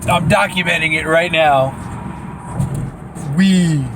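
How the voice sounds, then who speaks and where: A man with a fairly high voice talks slowly and casually to his camera, vlogging about a land purchase against a noisy background. He rambles along, cracking jokes and puns.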